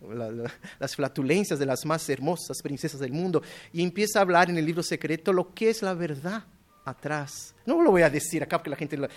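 Animated, halting male storyteller. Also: fairly high pitch. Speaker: guest children's book author. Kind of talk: radio interview storytelling. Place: radio studio.

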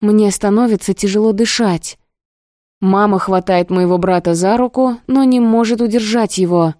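A woman reads a first-person novel aloud in a steady, expressive storytelling voice. Her tone is mellow and warm. The recording is dry and close, with no room sound. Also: mid-range voice, normal speed, no room sound. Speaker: audiobook narrator.

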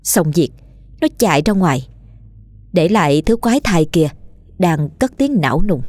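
A woman reading a horror story aloud in a steady, measured and grim narration. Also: lowish voice, dry recording.

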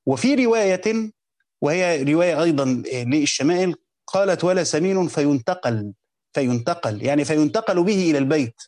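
A man's voice: on the high side, animated, quick pace, darkish tone, no echo, clean studio sound. A man with an Egyptian accent giving a lesson, reading classical Arabic lines and explaining them in colloquial dialect, repeating phrases as he goes. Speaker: teacher of hadith commentary. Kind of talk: Islamic lesson commentary.

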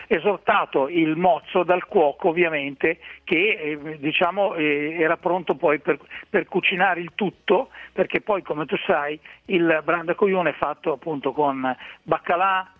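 A man speaks over a tinny, phone-like line, his voice sitting a little high for a man. He talks in a chatty, explanatory way, restarting phrases as he goes. The sound is dry and close, with no room around it. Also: no echo. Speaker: food guest on a radio show. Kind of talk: phone-in radio chat giving restaurant tips.

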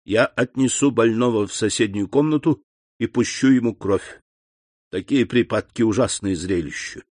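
A man doing a hushed, grave doctor. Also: no echo, close to an everyday voice. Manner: low, hushed, measured questioning. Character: grave middle-aged male doctor, calm and probing.

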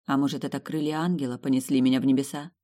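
A woman's voice: a bass voice, steady tone, racing, mellow. A woman narrating a dramatic first-person audiobook story.

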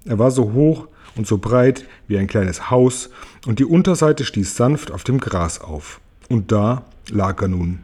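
Husky, expressive male storyteller. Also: on the low side, a little slow. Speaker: narrator. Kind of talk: audiobook reading.

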